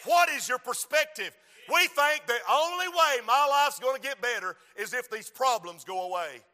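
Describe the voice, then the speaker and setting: A man preaching a sermon with rhythmic repetition, moving from quiet talk to shouting. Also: extremely high pitch, lively intonation, normal speed, in a large hall. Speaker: preacher and school principal.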